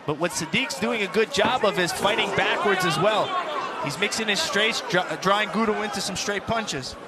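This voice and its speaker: A man's voice: high-pitched, moderate pace. A man giving live kickboxing analysis as a color commentator, breaking down technique emphatically. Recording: loud arena crowd noise behind. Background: noisy arena crowd.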